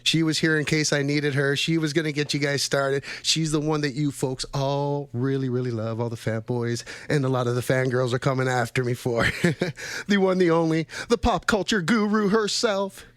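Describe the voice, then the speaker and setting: A man's voice: medium pitch, flat delivery, normal speed, a bit bright, clear, resonant tone, dry recording. Chatty, slightly winded young man hosting radio. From Canada. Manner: chatty, laughs often, rambling with fillers. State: a little out of breath. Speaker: radio show host. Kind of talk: casual radio chat. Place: campus radio studio. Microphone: studio mic.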